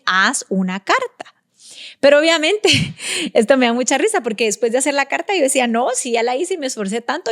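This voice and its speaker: Young woman from Guatemala, podcast host, earnest devotional testimony, bright higher voice. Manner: earnest, emotional storytelling with acted prayers.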